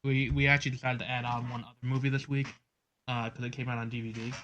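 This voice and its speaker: A man's voice: medium pitch, little pitch movement, fast, fairly bright tone, dull audio. A man co-hosting a casual movie podcast, rambling with many ums and getting exasperated. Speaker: podcast co-host. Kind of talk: casual chat.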